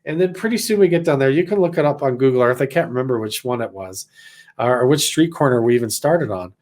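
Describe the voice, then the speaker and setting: A man's voice: medium pitch, lively intonation, quick pace, a little mellow. Man from Idaho, casual storyteller, rambling with lots of "like", mid-range voice. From Idaho, USA. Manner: rambling, many "like" fillers, acts out quotes. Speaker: vlogger recounting a personal experience.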